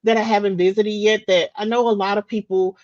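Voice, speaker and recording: A woman's voice: mid-range voice, flat delivery, a little fast, a little mellow, dry recording, highs cut off. A woman from the United States presenting daily facts in a casual live-stream chat, talking freely with restarts and fillers. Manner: chatty, with frequent restarts and fillers.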